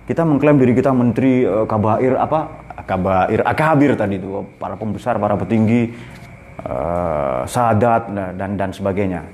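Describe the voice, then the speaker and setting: A man's voice: fairly low pitch, lively intonation, normal speed, a little mellow. Joking man in his forties lecturing. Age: 40s. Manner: casual, joking storytelling with many fillers. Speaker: religious lecturer. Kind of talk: Islamic boarding school lecture.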